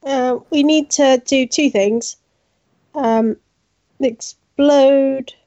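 A woman's voice: high-pitched, fairly even intonation, extremely slow, dark tone, no room sound. A woman player in a tabletop game, speaking in a playful way. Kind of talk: tabletop role-play chat. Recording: dull, dry lo-fi mic.

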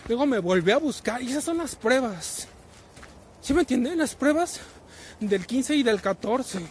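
A man's voice: very high-pitched, expressive, normal speed, a little hiss or hum. A man in his twenties with a Mexican Spanish accent, telling stories in a casual, profane rant full of slang and constant güey fillers. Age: 20s. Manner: profane, slang-heavy, fillers of güey after nearly every phrase. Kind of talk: casual ranting storytelling. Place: travelling in a vehicle.

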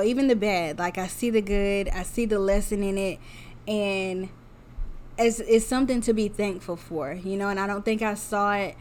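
A woman in her thirties talks alone into her podcast mic in an open, heartfelt way. Her voice sits at an ordinary middle pitch for a woman. She speaks to her listeners as y'all, like she is chatting with friends. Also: a little mellow, slight background noise. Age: 30s. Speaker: podcast host. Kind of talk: solo podcast monologue.

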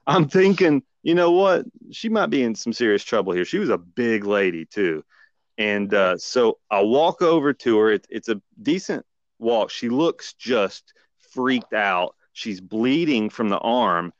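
A lower-voiced man co-hosting a casual podcast, telling a story with lively acted-out voices. His voice sounds dry and close, with no room around it. The recording has a dull, lo-fi tone. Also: unhurried, no room sound. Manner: animated storyteller acting out quoted voices. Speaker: podcast co-host.

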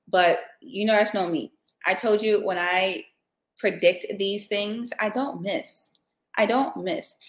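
A woman's voice: mid-range voice, roomy sound. A woman hosting a casual podcast, chatting in a rambling way with lots of fillers. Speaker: podcast host. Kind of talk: casual chat.

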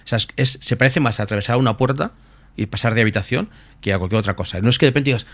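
On a podcast, a male guest who specializes in lucid dreaming gives a fast, animated explanation full of side remarks. His pitch sits in the middle range, and the recording is close and dry without any room reverb.

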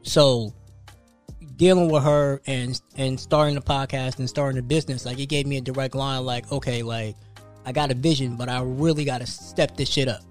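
Over soft background music, a man in his thirties hosts a podcast in a mid-range voice, keeping his tone steady and his speed normal. He swears freely and casually while recounting stories about his job and what he's aiming for.

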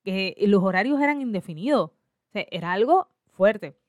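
A woman's voice: medium pitch, moderate pace, no echo, studio quality. A woman in her forties with a Puerto Rican accent, a school librarian telling her own story to listeners and acting out both sides of her conversations. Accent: Puerto Rican Spanish. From Puerto Rico. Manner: lively, acts out both sides of her dialogues. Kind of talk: personal storytelling to an audience.

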